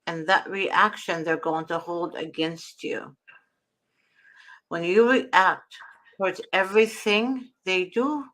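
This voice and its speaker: A woman's voice: fairly low pitch, fairly even intonation, takes it slowly, fairly bright tone, low-quality recording. A woman hosting an advice show, talking with effort through toothache after dental work, explaining things in an earnest, emphatic way. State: swollen, sore mouth after a root canal, in pain, talking with effort. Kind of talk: earnest advice talk to viewers.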